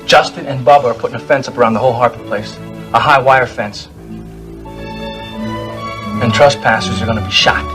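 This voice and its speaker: Actor as an eager, gossiping ranch hand. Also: male voice, medium pitch, brisk, pauses often, over music, natural voice. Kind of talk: 1980s TV soap opera acting.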